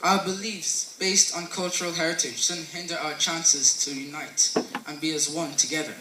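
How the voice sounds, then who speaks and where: A man's voice: fairly high pitch, steady tone, moderate pace, pushed and bright, a little hiss or hum. A teenage boy reading a sincere school speech, with small slips. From Ireland. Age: teens. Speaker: student presenter. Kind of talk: scripted school presentation. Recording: roomy echo, mic at a distance.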